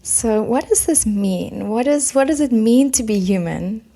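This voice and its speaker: A woman's voice: on the high side, expressive, measured pace, warm tone. A woman hosting a podcast, opening the episode and welcoming her guest in an upbeat manner with rhetorical questions. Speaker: podcast host. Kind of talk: podcast intro and interviewing.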